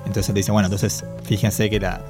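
A man's voice: fairly low pitch, little pitch movement, a little fast, music in the background. A man with a Rioplatense Spanish accent, chatting casually as co-host and thinking aloud with many fillers. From Argentina. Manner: thoughtful, hesitant with many fillers. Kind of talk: casual conversation.

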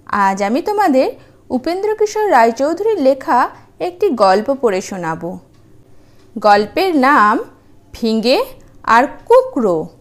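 A woman's voice: high voice, very animated, slow, long pauses. A woman hosting stories for children, speaking in a sugary, theme park princess manner. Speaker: host of a children's storytelling channel. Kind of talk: expressive children's storytelling.

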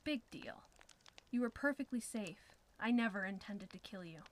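A woman reading the lines of a cruel, menacing husband in a dark story, with a slow, taunting delivery. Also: medium pitch, animated, close to an everyday voice. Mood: mocking.

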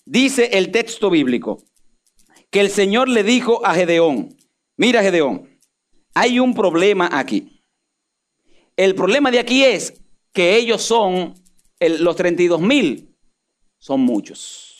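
A man preaching a sermon, swinging from loud emphatic peaks down to low asides. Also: lively intonation, unhurried, pauses often. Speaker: pastor.

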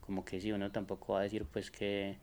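A man, a musician guest, talking in a relaxed, rambling way with many hesitant fillers. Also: fairly low pitch, fairly quick. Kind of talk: casual conversation.

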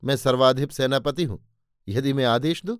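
A man's voice: mid-range voice, normal speed, clean tone, no room sound, clean studio sound, lightly acted. A man voicing a grown king, pleading and impassioned, in a storybook reading. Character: anguished king, male, grown, lovesick.

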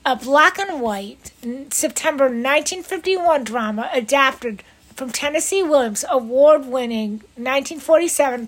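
High-pitched woman host reading movie news, upbeat and playful. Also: low-quality recording. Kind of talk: scripted entertainment news read.

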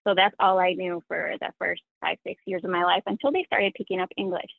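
Over a tinny, dry phone line, a Spanish-speaking woman who makes sewing content talks as an interview guest. Her voice is fairly low, gravelly and steady, and she speaks a little fast. She comes across earnest, reflective and self-critical.

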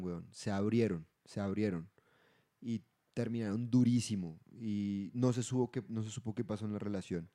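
A man with a Colombian accent, co-hosting a casual podcast chat as an animated storyteller who laughs at his own tales. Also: on the low side. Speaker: podcast co-host.

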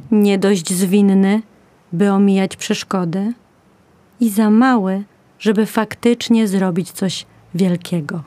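A woman narrating a children's story in a gentle, measured way. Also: medium pitch, no echo.

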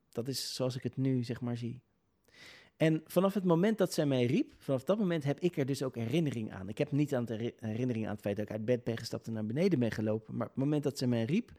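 A man telling a personal story in an earnest, hesitant way, pausing with many filler sounds and restarting his sentences. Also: medium pitch, dark tone.

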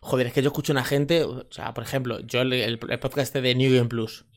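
A man's voice: medium pitch, fairly even intonation, brisk. A man co-hosting a casual tech podcast chat, running words together, stumbling and swearing casually. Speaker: podcast host, tech reviewer.

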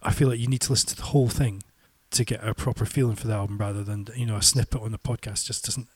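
A man's voice: lowish voice, fairly even intonation, fast talker, husky, no echo. A man chatting casually as a podcast co-host, hesitant and often circling back to rephrase his thought. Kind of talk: casual chat.

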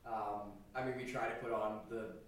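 A man's voice: fairly low pitch, fairly even intonation, moderate pace, a little hiss or hum. A man, a band member, explaining things thoughtfully in a casual interview. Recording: echoey room from far off.

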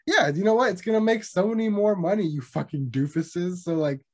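A man's voice: sits high, a little fast, a little mellow. A young man co-hosting a casual gaming chat, rambling and swearing freely. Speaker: podcast co-host.

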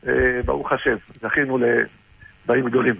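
A middle-aged man casually recounting personal stories about his rabbi, halting with frequent restarts. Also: medium pitch, level tone, vocal fry, husky, no echo, phone-quality sound. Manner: halting, with many restarts and fillers. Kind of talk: casual storytelling.

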